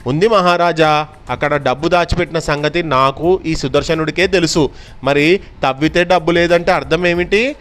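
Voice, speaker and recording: A man voicing a scheming male merchant who loudly accuses his friend, in a raised, insistent voice. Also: on the high side, moderate pace, soft background music, pitched above the performer's own voice, close to an everyday voice. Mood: accusing.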